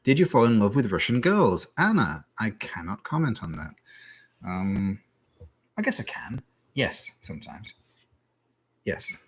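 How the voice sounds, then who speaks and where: A man's voice: lowish voice, sing-song, unhurried, pauses often, husky. A man, a teacher, answering questions in a casual live stream with dry, self-mocking humor. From England. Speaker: English teacher.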